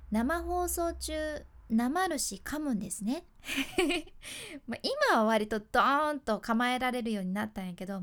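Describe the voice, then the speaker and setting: High-voiced woman with a Hakata accent. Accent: Hakata dialect. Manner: chatty, explains with lively asides. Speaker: radio announcer and podcast host. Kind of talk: casual spoken advice podcast.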